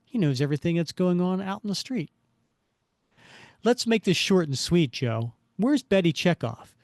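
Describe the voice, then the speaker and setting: A man's voice: sits high, expressive, normal speed, darkish tone, no echo, studio quality, voice pushed up. A man voicing a wisecracking young male superhero, with a sardonic, joking inner monologue.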